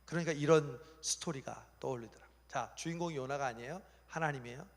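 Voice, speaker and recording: Animated male pastor in echoing sanctuary. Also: medium pitch, fast talker. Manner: animated storytelling, dropping to soft whispers. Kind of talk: youth service sermon. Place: church sanctuary. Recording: long reverb of a church hall.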